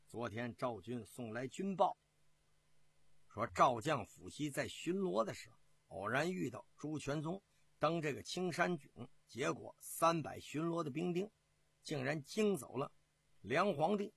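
A man doing a calm, husky old commander. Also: on the high side, heavily acted. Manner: slow, measured, deliberate. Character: calm, composed older male army commander. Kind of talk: traditional storytelling.

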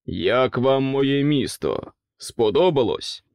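A hulking, sour-faced king, as a male narrator puts him on, roaring every word in a slow, heavy boom. The voice swings widely in pitch, and the sound is dry and close. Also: animated, creaky, a little mellow, no room sound. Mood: booming, imperious. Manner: slow booming bellow.

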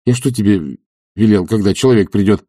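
Man voicing Oblomov, a fretful idle gentleman. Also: on the low side, a little fast, husky, no echo, clean studio sound, recorded from a distance. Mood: exasperated. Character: idle, anxious young gentleman, easily exasperated.

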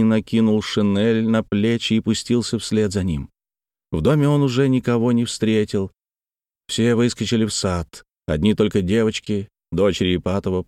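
Low-voiced man reading a classic novel. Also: clean tone, no room sound, studio quality. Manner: measured, expressive reading. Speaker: narrator. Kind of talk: scripted literary narration.

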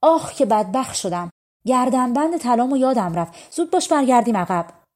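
A woman's voice: mid-range voice, lively intonation, a little mellow, lightly acted. A woman voicing an anxious young bride in a fairy tale, speaking in a raised, pleading voice. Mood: panicked.

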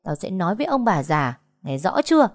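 A woman's voice: low voice, sing-song, measured pace, fairly bright tone, dry recording, studio quality, heavily acted. A woman voicing a fierce, foul-mouthed young woman who scolds and threatens bluntly in a storybook reading. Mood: furious.

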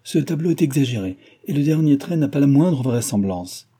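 An earnest, distressed young heiress from a classic novel, given voice by a male reader. She pleads her case in a raised, careful tone over a dark, husky vocal base. This is storybook narration from an audiobook. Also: mid-range voice, lively intonation, normal speed, voice pushed up.

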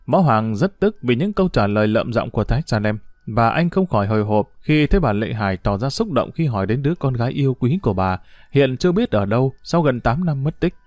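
A man's voice: mid-range voice, darkish tone, no echo, studio quality. A man reading a crime novel aloud as an audiobook, shifting his voice for each character's dialogue. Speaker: narrator.

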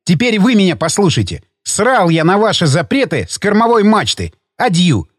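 A man's voice: sits high, big pitch swings, moderate pace, slightly rough, dry recording, clean studio sound, heavily acted. A man reading an audiobook, voicing a defiant young husband who answers back curtly. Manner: curt, defiant retorts. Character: defiant young husband, stubborn and sharp-tongued.

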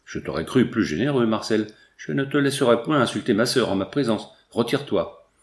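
Man doing a serious protective brother, solemn measured talk, storybook, echoey room. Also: medium pitch, expressive, close to an everyday voice. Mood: stern. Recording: roomy echo.

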